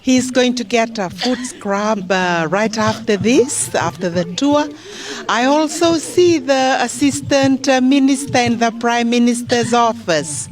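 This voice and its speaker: A woman's voice: a little high, animated, a little slow. A woman from Fiji with a Fijian accent, giving a live presentation to visitors as a demonstrator. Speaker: beauty therapy demonstrator.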